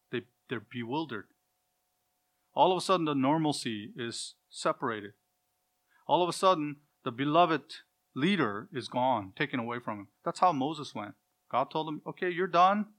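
A man preaching an expository Bible lesson, stressing key words loudly and dropping to quiet asides, with Hebrew pronunciations of names. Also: mid-range voice. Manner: emphatic, swings from loud stresses to quiet asides.

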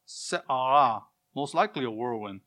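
A man preaching an expository Bible lesson, stressing key words loudly and dropping to quiet asides, with Hebrew pronunciations of names. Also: medium pitch, animated, a little slow. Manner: emphatic, swings from loud stresses to quiet asides.

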